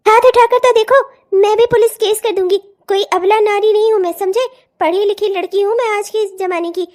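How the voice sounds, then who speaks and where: Casting: woman as a very high-voiced cartoon bride, demanding and mouthy. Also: steady tone, a little fast, dark tone. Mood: threatening. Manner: defiant, scolding. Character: bold demanding young bride, sharp-tongued. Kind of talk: cartoon voice acting.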